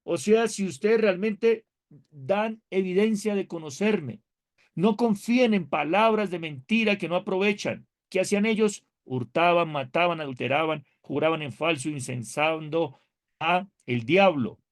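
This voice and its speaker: A man and pastor lecturing a seminary theology class, animated and conversational, asking his students questions, joking, and reading scripture aloud with emphatic rises. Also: sits high, unhurried.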